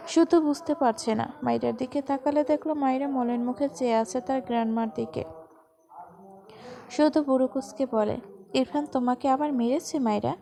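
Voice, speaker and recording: A woman narrating a romantic family story as a storybook reading in a steady, even manner. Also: high-pitched, moderate pace, vocal fry.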